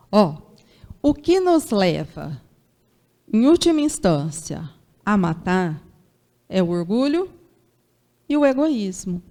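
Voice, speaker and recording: A woman from Brazil lectures at a Sunday spiritual gathering in a fairly high, mellow voice, with an interior São Paulo accent. She talks conversationally and keeps putting rhetorical questions to her listeners. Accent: São Paulo interior Brazilian Portuguese.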